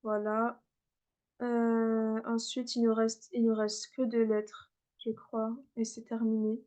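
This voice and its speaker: A woman's voice: fairly high pitch, monotone, takes it slowly, mellow. A woman teaching a beginner class, patiently repeating and demonstrating letter sounds. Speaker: Arabic teacher.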